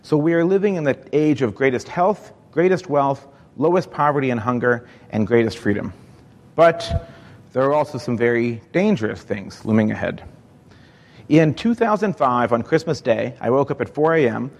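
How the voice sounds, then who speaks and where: A man's voice: mid-range voice, animated, normal speed. A man in his forties, originally from Egypt, gives an upbeat keynote talk on stage and quizzes the audience as he goes. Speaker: conference speaker. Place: large hall. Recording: reverberant hall, live event.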